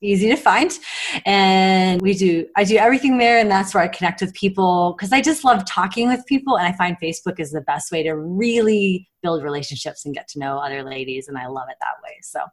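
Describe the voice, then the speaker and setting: A woman's voice: medium pitch, a little fast. Mom in her 40s chatting on a podcast, laughs a lot, dry sarcastic streak. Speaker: guest, mother of several children. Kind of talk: casual podcast interview.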